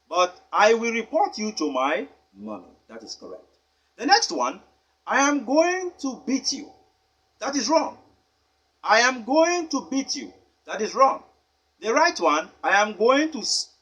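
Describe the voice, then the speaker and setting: A man teaching a pronunciation lesson, speaking deliberately and emphatically and spelling words out letter by letter. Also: sits high, sharp tone, breathy edge. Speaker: English teacher.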